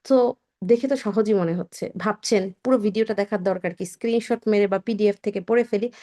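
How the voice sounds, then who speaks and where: A woman's voice: mid-range voice, a little fast, mellow. A woman whose first language is Bengali, teaching an Italian lesson and carefully repeating each word twice.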